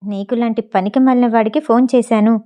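A woman's voice: on the high side, steady tone, a little fast, warm tone, natural voice. A woman voicing a jealous, scheming young wife who sounds bitter and commanding.

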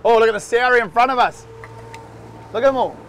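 A man in his forties with a New Zealand accent, hosting a fishing show from his boat, excited, whooping and swearing freely as he talks. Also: very high voice, fast. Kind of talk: casual on-the-water commentary. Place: outdoors on the deck of a small fishing boat at sea. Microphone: action camera mounted on the boat. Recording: wind and engine noise on open water.

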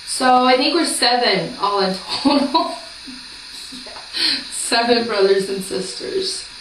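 A woman's voice: on the high side, slow pace, background noise. A Brazilian-born woman in her late twenties chatting casually to camera in a small room at home, rambling with lots of ums. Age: 20s. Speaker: vlogger. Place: small room indoors by a door. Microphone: camera across the room. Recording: roomy, distant home camera.

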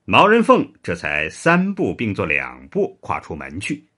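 A man narrating a serialized historical story in an expressive, animated way. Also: fairly low pitch, a little slow.

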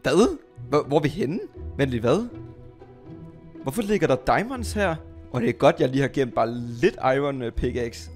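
Danish man, gaming commentary, lively swooping voice, chatty, excitable, faint music behind. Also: mid-range voice. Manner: excitable, jumps to squeals and shouts when startled; chatty, talks to viewers and his pet. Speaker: gaming YouTuber. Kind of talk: Minecraft let's play commentary.

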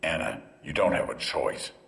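Deep-voiced, clinical male doctor. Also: animated, gravelly, a bit bright, heavily acted. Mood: firm, regretful. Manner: measured, clinical, formal. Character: stern, regretful male doctor bound by rules. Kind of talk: video game voice acting.

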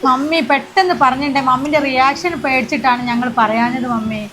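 A woman playing a gentle consoling young daughter-in-law. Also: high-pitched, steady tone, fairly quick. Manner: soothing, consoling. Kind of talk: amateur short-video drama. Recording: music clearly heard behind voice.

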